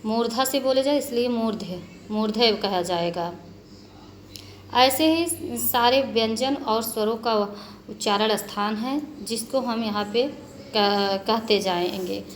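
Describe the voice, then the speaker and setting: Slow, patient woman teacher explaining. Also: a little high, slight background noise. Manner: slow, patient explaining, repeating and spelling out letters. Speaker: school teacher. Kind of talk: explaining a grammar lesson to children.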